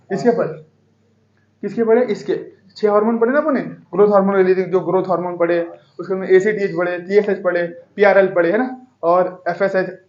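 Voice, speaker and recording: A man's voice: high-pitched, a little mellow, echoey room, dull audio. A male biology teacher giving a classroom lecture in Hindi, repeatedly asking students to call out the answers. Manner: quizzing students with repeated call-and-response questions.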